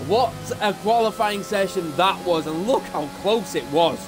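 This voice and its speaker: A man's voice: high voice, measured pace, noisy background. A man commentating a sim-racing league broadcast live, chatty and upbeat, running through the grid.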